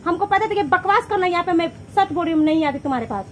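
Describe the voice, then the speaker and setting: A woman's voice: very high voice, lively intonation, racing. A woman arguing a male friend by a road, insistent and scolding, faint traffic behind. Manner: insistent, scolding, repeats "ठीक है ना?". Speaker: prank vlog participant. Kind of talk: heated casual argument. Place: outdoors by a road.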